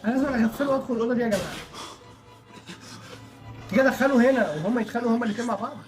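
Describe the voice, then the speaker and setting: A man's voice: very high-pitched, rapid-fire, faint music behind. A young man with an Egyptian Arabic accent gives chatty, nervous commentary while playing a horror game, often apologizing to the characters on screen. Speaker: gaming channel host.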